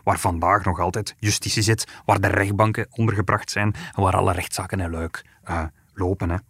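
A man's voice: low voice, steady tone, fairly quick, a bit bright, breathy edge, no echo, clean studio sound. A man, a journalist, co-hosting a podcast and explaining a past case in an storytelling way. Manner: explanatory storytelling, some restarts. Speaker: journalist co-host. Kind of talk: podcast conversation.

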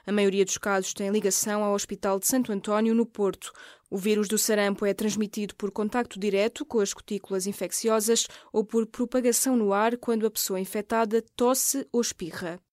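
A woman presents a news bulletin with a European Portuguese accent. Her delivery is crisp and measured, at a mid pitch for a woman. The sound is close and dry, from a studio microphone. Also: fairly even intonation, darkish tone, dry recording. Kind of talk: scripted news bulletin reading.

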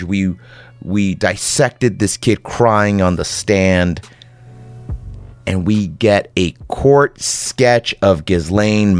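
A man delivering an impassioned, sarcastic monologue to listeners like a conspiratorial late-night rant, with rhetorical questions, repetition and dramatic pauses. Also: fairly low pitch, no room sound. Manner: dramatic pauses and repeated phrases. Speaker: commentator host.

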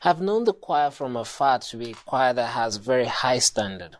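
A man from Ghana, a choir singer telling his story as a guest in an interview. He is earnest and animated and acts out what others said to him. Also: medium pitch, moderate pace.

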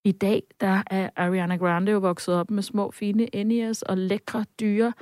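A woman's voice: mid-range voice, no echo, clean studio sound. A woman who works as a vocal coach, talking in a casual interview with lots of fillers and bursts of sung examples. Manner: lively, demonstrative, often sings out examples; frequent hesitation fillers. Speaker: vocal coach and session singer.

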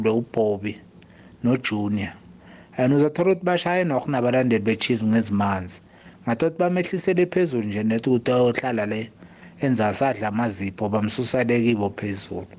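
A man's voice: mid-range voice, darkish tone. A man with a South African accent giving a casual, emphatic sports opinion as a radio caller, repeating words for stress. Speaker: radio call-in listener.

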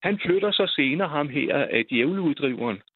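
A man's voice: on the high side, animated, slightly rough, dry recording. An older man telling a personal story in a rambling way, full of hesitations and repeated words. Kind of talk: casual storytelling. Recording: tinny phone line.

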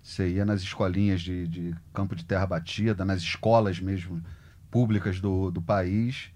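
A man talks football in a lively, emphatic, slangy way. His voice sits a bit low. He sounds like a sports journalist sharing opinions in a casual discussion. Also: normal speed. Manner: animated, emphatic, colloquial.

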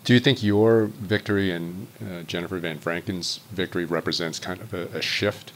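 A man, a host who narrates and asks interview questions in a measured, inquisitive way. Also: low voice, steady tone, slight background noise.

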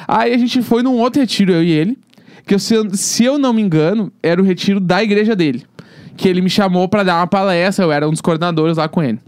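A young adult Brazilian man co-hosting a podcast, telling a story in slangy, animated casual talk. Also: high voice, quick pace, clean tone, no echo. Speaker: podcast co-host.

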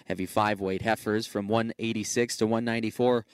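A man's voice: lowish voice, steady tone, fairly quick, smooth, no echo. American man reading a dry, close-miked radio farm report. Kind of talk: radio farm report, scripted news and market read. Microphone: close studio broadcast microphone.

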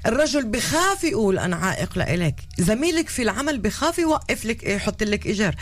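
A woman's voice: on the high side, sing-song, fast talker. A woman with a Palestinian Arabic accent speaking bluntly as a guest in a live discussion. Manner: blunt, outspoken. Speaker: talk show guest.

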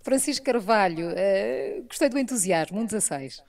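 A woman's voice: medium pitch, expressive, moderate pace, gravelly, darkish tone. A woman with a European Portuguese accent giving casual remarks as a contest juror.

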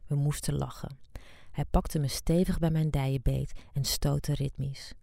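A woman reading a scripted erotic story aloud in a calm, intimate way. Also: low-pitched, measured pace, gravelly, no echo, clean studio sound.

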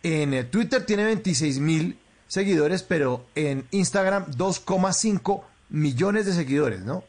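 Husky talk show host. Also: male voice, on the high side, animated. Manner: quick agreeing interjections. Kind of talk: casual talk show hosting.

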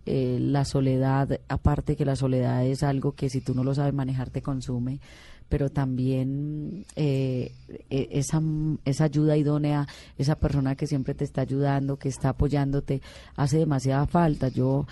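A woman's voice: a bass voice, level tone, normal speed, mellow, dry recording. A middle-aged Colombian woman, a singer, telling her life story in an earnest, heartfelt way with many restarts. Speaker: singer being interviewed. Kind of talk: emotional personal storytelling.

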